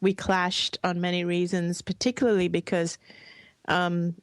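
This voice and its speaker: A woman's voice: lowish voice, little pitch movement, a little slow, no echo. A woman who grew up in Hong Kong, telling her personal story as an interview guest in an earnest, heartfelt way. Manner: earnest, heartfelt, softly emphatic.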